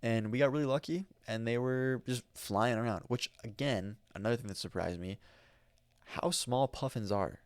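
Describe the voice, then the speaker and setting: A man's voice: mid-range voice, moderate pace, smooth, dry recording. An American man hosting a solo podcast, talking casually about his travels with plenty of fillers and restarts into a microphone. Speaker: podcast host. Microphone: studio microphone.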